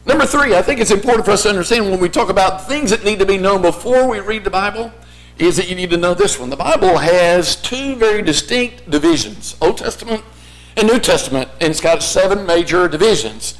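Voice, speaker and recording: A man's voice: high-pitched, expressive, a little fast, rough recording. A man preaching a sermon as a teacher would, explaining point by point and posing rhetorical questions. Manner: explanatory, rhetorical questions in imagined listeners' voices.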